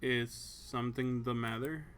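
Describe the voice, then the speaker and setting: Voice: mid-range voice, steady tone, a little slow, fairly bright tone, smooth. A Twitch streamer casually reading a visual novel aloud, swearing and laughing between lines. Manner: crude and swearing, laughs often; reads narration aloud, breaks off to joke.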